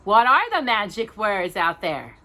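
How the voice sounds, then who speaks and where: A woman's voice: mid-range voice, sing-song, unhurried, sharp tone. Woman voicing a singsong, scatterbrained old Fairy Godmother. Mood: musing. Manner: singsong, fussing and coaxing.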